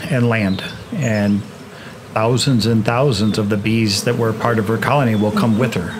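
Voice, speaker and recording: A man explaining swarming while working his beehives in a grassy yard, in a relaxed manner with frequent restarts. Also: on the low side, background noise. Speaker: beekeeper, channel host. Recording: outdoor recording with insect buzz behind.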